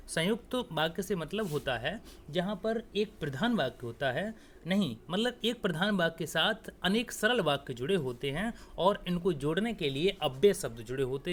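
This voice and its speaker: A man's voice: on the high side, expressive, normal speed, slight background noise. A man teaching Hindi grammar for exam prep, explaining step by step and speaking straight to his students. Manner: explains step by step, often adds "theek hai"; talks straight to students, coaxing.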